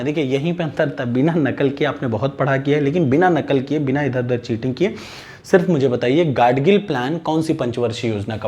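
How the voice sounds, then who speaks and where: A man's voice: mid-range voice, darkish tone. A man teaching an exam-prep lesson, giving direct instructions and repeating key points for emphasis.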